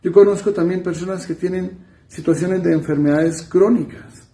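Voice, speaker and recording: Colombian priest giving a homily, fairly high but mellow voice, chatty preaching, echoey room. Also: male voice, steady tone. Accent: Colombian Spanish. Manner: conversational preaching, soft trailing asides, quick runs then slow emphasis. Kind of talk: sermon.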